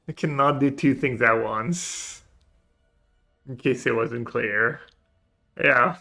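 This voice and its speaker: A man's voice: mid-range voice, sing-song, drawn-out words, vocal fry, long pauses, fairly bright tone, husky. A man streaming a card game, chatting casually with viewers and thinking aloud in short, trailing phrases. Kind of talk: casual gameplay chat to a live chat.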